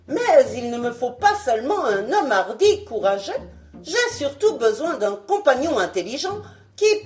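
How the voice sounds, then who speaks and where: A woman voicing an excitable little old male scientist in an audiobook, grave in tone and turning shrill. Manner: grave then shrill when alarmed. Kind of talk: audiobook character reading.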